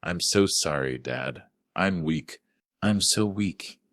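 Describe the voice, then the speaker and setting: A man's voice: low voice, lively intonation, takes it slowly, a bit bright, no room sound, clean studio sound, heavily acted. A man doing a weeping ashamed son. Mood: choked. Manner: choked, tearful.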